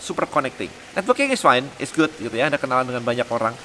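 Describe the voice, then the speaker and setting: Fast-talking man in an echoey room. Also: medium pitch, a little hiss or hum. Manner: lively, sprinkles English words into talk. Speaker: vlog host and business coach. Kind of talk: casual motivational vlog talk. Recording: roomy long reverb with faint ambience.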